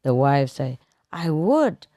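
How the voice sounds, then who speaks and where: Slow-paced woman laughing at her jokes. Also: low-pitched, very animated, mellow, no echo, studio quality. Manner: laughs at her own punchlines. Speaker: joke teller. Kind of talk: reading out jokes.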